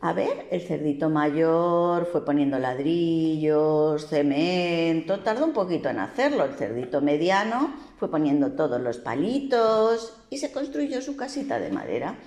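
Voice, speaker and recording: Brief: animated woman storyteller for a child, asks questions along the way, echoey room. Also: on the low side. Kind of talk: telling a fairy tale to a child.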